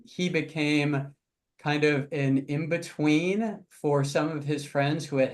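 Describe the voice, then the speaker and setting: Older screenwriter guy talking slow, earnest and heartfelt. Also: mid-range voice. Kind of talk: interview answers.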